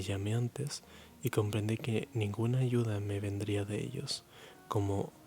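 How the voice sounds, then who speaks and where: A low-pitched man from Chile reads softly in a flat, even tone, as in an ASMR reading. He halts often, restarting words and filling gaps with hesitations. His throat sounds strained and a little muffled. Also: slight background noise. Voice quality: low-energy, muted voice. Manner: halting, stumbling reading with frequent restarts and fillers. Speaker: ASMR reader.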